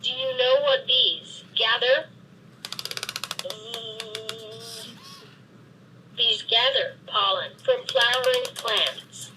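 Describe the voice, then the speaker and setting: A synthetic female voice playing a friendly, cheerful boy robot that talks to children in slow, simple, deliberate sentences. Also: fairly high pitch, fairly even intonation, noisy background. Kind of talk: programmed robot speech for children. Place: meeting room, played from a robot.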